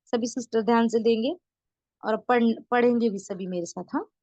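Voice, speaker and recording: Woman teaching beginner urdu online, patient, repeats stuff slowly, kinda high voice, dry dull mic. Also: a little mellow, dry recording. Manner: patient, repeats words slowly and checks understanding often. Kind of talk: online beginner lesson, explaining letters step by step.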